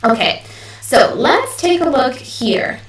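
Slow, patient woman teaching English. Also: high voice, big pitch swings. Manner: slow, repeats words for learners to echo. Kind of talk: bilingual online English workshop. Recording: roomy echo.

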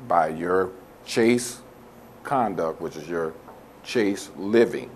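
A man's voice: deep voice, takes it slowly, a little hiss or hum. A man preaching a sermon as pastor, stressing key words and stretching out phrases for emphasis.

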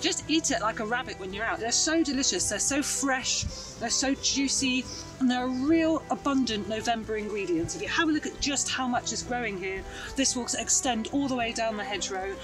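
A bright, enthusiastic woman in her thirties leads a chatty foraging lesson on wild plants in a hedgerow lane and woodland. Her slightly high voice moves briskly. She's far from the mic, with background music and rough recording quality.

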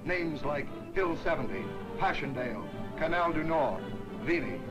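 A man narrating an old 1940s newsreel in a brisk, ceremonial announcer's manner. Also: fairly high pitch, expressive, rough recording. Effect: old 1940s newsreel sound. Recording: narration over loud band music.

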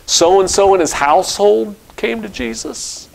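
Older man preaching a measured sermon. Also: high-pitched, vocal fry. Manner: explanatory teaching, steady and measured. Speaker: pastor. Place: church sanctuary at a pulpit.

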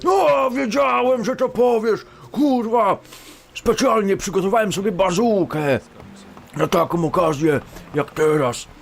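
A foul-mouthed giant , played by a man, bellows in outrage with a gravelly, high, slow voice. He swears constantly in a crude parody dub, faint music under him. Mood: outraged shouting. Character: loud crude male giant Hagrid parody.

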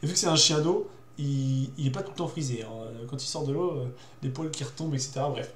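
A young man hosts a show presenting dog breeds, talking fast in a slightly high voice. His explanations are casual and hesitant, full of fillers, repeated words and youthful slang. The recording has a roomy echo and a little hiss or hum.

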